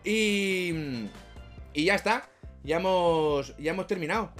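A man's voice: sits high, slow, fairly bright tone, faint music behind. A man from chatting casually in a rambling, self-mocking way, swearing often as he wraps up a vlog. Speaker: YouTuber.

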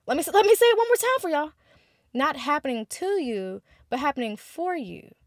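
In a fairly quick, very animated, high-pitched voice, a 21-year-old woman hosts her podcast, chatting openly and warmly to listeners in a casual monologue. The sound is clean studio audio with no echo.

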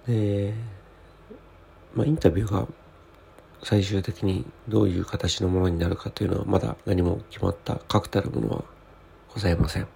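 A man records a quiet late-night audio diary in a hushed, half-whispered voice. It is low and heavily fried, with humble, very polite phrasing. Some background noise sits behind him in a small indoor room. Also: steady tone, fairly quick, creaky, pauses often. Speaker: podcast host.

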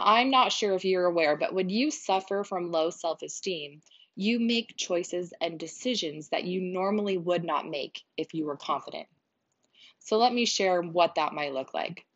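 A young adult woman hosting her own podcast, talking earnestly and chattily in a monologue with plenty of filler words. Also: on the low side. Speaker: podcast host. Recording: slightly dull lo-fi sound.

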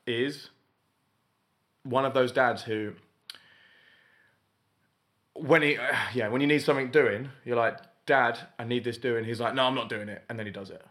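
A man in his late twenties chats casually on a podcast, rambling and wry. His voice sits at an ordinary middle pitch. He pokes fun at himself as he talks. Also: fairly even intonation, normal speed, pauses often, a bit bright. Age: 20s. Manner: rambling, wry, self-deprecating. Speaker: podcast co-host. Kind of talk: casual chat.

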